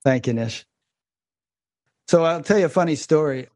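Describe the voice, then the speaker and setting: A man hosting a conversational interview over a video call, relaxed and measured with a dry sense of humor. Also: fairly high pitch. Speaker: podcast host.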